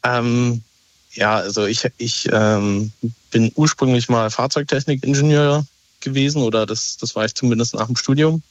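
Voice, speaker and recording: A Berlin man in his thirties calls in to a radio show for a casual phone-in chat, explaining himself hesitantly with lots of fillers and restarts. His medium-pitched voice has a steady tone at normal speed, heard over a dull lo-fi telephone line without echo.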